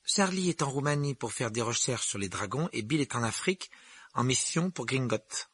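A man voicing an eager, talkative young wizard boy who rambles excitedly. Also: medium pitch, normal speed, breathy edge, no echo, voice pushed up. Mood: chatty. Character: chatty eager red-haired wizard boy.

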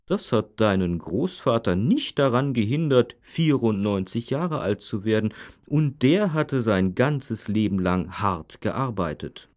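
A man's voice: lowish voice, expressive, unhurried, a little mellow. Man acting a grumpy old man, grumbling nostalgically. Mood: grumbling, insistent. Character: grumpy old father nostalgic for the good old days. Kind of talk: scripted language-lesson dialogue.

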